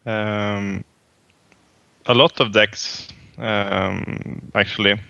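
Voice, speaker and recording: A man from Sweden, a regular guest, talking hesitantly with many pauses and restarts. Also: lowish voice, little pitch movement, gravelly, bright, forceful tone, no echo. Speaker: podcast guest. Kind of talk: casual panel talk. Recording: dull lo-fi mic, dry.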